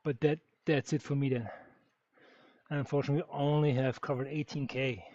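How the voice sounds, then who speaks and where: This German-born streamer, a native German speaker, answers viewers casually as he cycles indoors, musing aloud with lots of fillers. His mid-range, darkish voice keeps a fairly even intonation and runs a little fast. There's no echo in the dull, dry lo-fi recording.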